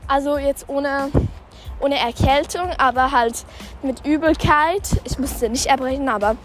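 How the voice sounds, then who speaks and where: A young woman talking casually while jogging, recording a rambling, halting podcast monologue in which she often corrects herself. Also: high-pitched. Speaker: podcast host. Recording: background music bed. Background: background music.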